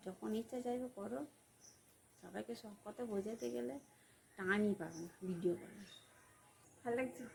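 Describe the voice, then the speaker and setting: A woman's voice: fairly high pitch, moderate pace, gravelly, long pauses, darkish tone, slight background noise. A young woman vlogging in a casual, coaxing way, often asking her viewers tag questions.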